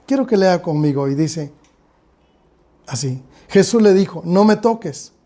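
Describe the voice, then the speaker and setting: A man's voice: sits high, lively intonation, a little slow, dark tone. A man with a Guatemalan Spanish accent, a pastor preaching a sermon and often calling out to his congregation. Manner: preaching, often calls out to the brothers and sisters.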